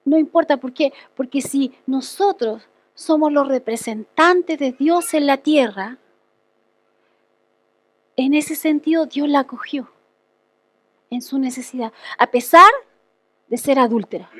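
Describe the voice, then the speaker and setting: A woman's voice: sits high, a little slow, pauses often, a bit bright, no room sound. A woman pastor giving a conversational testimony sermon, telling a personal story and often checking in with the congregation.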